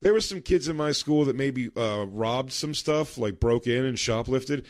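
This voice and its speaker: A man's voice: mid-range voice, lively intonation, moderate pace, no room sound. Rambling man telling a story, dry sound. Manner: rambling storyteller, laughs mid-sentence. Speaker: podcast co-host. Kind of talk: casual chat.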